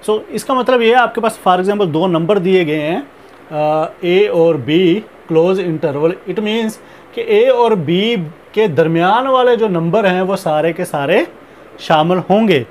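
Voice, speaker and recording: A man teaching a recorded math lecture, explaining step by step in a slow, deliberate way, mixing in English math terms and leaning on repeated filler phrases. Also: high-pitched, lively intonation, slight background noise.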